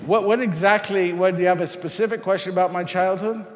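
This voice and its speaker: Male actor as Saint Luke: earnest, rambling physician, higher voice, echoey hall. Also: fairly even intonation, fast, lightly acted. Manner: rambling, repeats phrases, answers questions in character. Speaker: costumed presenter. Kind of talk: first-person character talk with audience. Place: parish hall before an audience. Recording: echoey hall, faint noise.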